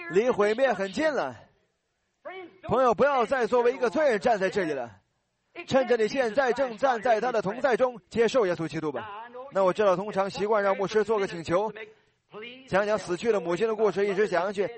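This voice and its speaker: A man preaching a sermon and giving an altar call, earnest and pleading, repeating blessings over the people who stand. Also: high voice.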